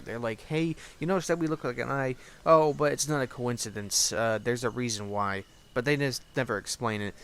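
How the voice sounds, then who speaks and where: Here a young man hosts a sarcastic, sweary recap, tossing off his commentary casually as a video reviewer. The voice sits mid-range with a fairly bright tone, and the home setup is clearly noisy.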